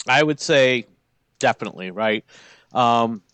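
A man in his forties chatting casually as a co-host, talking haltingly with many fillers and restarts. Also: mid-range voice, lively intonation, a bit bright, smooth, no echo. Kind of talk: casual chat.

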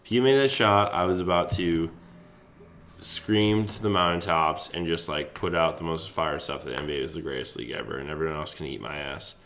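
A young man with a very low, deep voice co-hosts a casual sports talk show. He talks in a lively, rambling way and swears freely. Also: a little fast, slight background noise. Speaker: podcast co-host.

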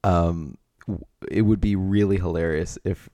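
A man's voice: low voice, fairly even intonation, unhurried, warm tone, no room sound, clean studio sound. A man co-hosting a comedy podcast who rambles through ideas with plenty of fillers and keeps breaking into laughter. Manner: giggly, rambling, full of fillers. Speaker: podcast co-host. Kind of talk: casual comedic chat.

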